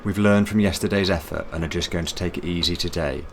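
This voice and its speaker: A man's voice: deep voice, quick pace, a little hiss or hum. A man delivering scripted voice-over narration for a mountaineering travel vlog.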